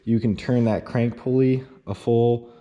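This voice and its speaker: A man's voice: medium pitch, unhurried, muffled recording. A man casually talking viewers step by step through timing a car engine while he works on it in a garage. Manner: relaxed step-by-step explaining, addresses viewers directly. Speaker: car repair vlogger. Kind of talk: casual how-to tutorial.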